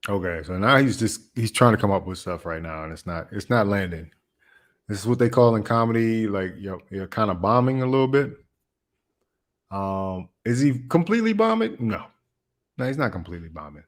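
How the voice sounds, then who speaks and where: A man's voice: lowish voice, animated, a little fast. A man hosting a reaction video, commenting casually on a clip and laughing often, repeating his phrases.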